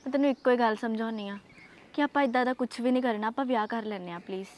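A woman's voice: fairly high pitch, very fast, a little mellow, natural voice. A young woman playing a pregnant girlfriend in a short film, firm and pleading. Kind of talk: scripted film dialogue.

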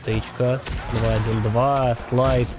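A man's voice: medium pitch, little pitch movement, slow pace. Man calling fighting game matches over music. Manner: clipped play-by-play calls with gaming jargon, like a fighting game announcer. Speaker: esports tournament commentator.

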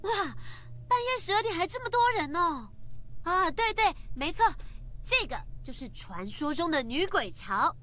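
A bubbly young woman hosting a livestream in a video game. Her voice sits very high and bright, bouncing with upbeat presenter energy. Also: very animated, a little slow, exaggerated voice.

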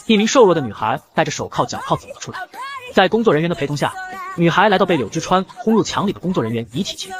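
Telling a comic story quickly in scripted narration, a man uses a slightly high, widely swinging pitch. He has the brisk, lively drive of a storyteller.

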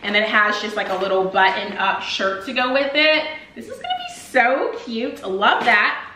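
A woman's voice: mid-range voice, animated, normal speed, pushed and bright, a little hiss or hum. Chatty young woman in an echoey kitchen. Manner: upbeat, chatty, addresses viewers as "you guys". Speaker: vlogger. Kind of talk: casual haul video chat. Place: home kitchen, indoors. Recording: echoey room.

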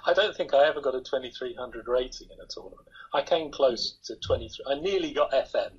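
Brisk and slightly rough, an older man's mid-range voice carries his rambling, self-mocking chat as an interview guest. He's indoors in a room at home on a video call. The dull, lo-fi audio comes from his laptop webcam.

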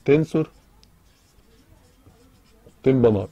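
A man's voice: medium pitch, slow, breathy edge, no echo, lo-fi sound. A man with an Egyptian accent giving an informal medical lecture, asking and answering his own questions and mixing in English terms. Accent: Egyptian Arabic. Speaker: physiology lecturer.

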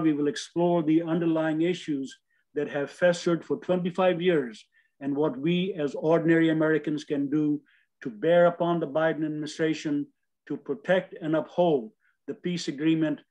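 A man's voice: a little high, darkish tone, low-quality recording. An older man hosting a webinar on a video call, reading a formal introduction with hesitant fillers. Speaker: webinar host. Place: home room.

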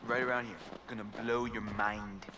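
A man's voice: lowish voice, level tone, normal speed, very noisy, close to an everyday voice. An actor voicing a cocky, playful young male college student in a video game. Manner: joking, playful. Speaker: game character.

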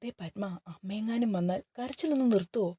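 A woman's voice: medium pitch, brisk, mellow, slightly rough, lightly acted. A woman reading the lines of a protective young husband in a romantic novel, firm and reassuring. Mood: coaxing.

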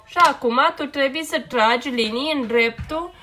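A mother patiently helping her young child with homework, repeating words slowly and checking understanding as she goes. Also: high voice. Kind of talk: casual coaching at home.

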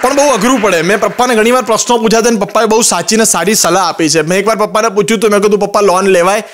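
A young man with a Gujarati accent tells a comic stage story in a high, light voice. He speaks at a breakneck pace and moves from one anecdote to the next, acting out the quoted lines as he goes. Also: a faint crowd. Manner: rapid, animated anecdotes with quoted dialogue. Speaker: stand-up comedian.

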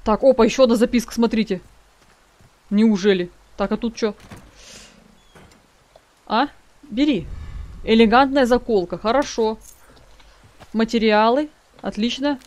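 A woman's voice: on the high side, a little slow, pauses often, a little mellow. A woman giving casual gameplay commentary as a let's play gamer, chatting to her viewers and reading in-game notes aloud.

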